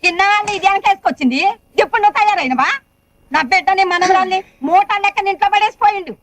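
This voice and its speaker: A woman's voice: very high voice, fast, a bit bright, no room sound. An actress playing an older grandmother with a Telangana accent who grumbles and curses her son-in-law. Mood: grumbling. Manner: grumbling and cursing. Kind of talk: film dialogue.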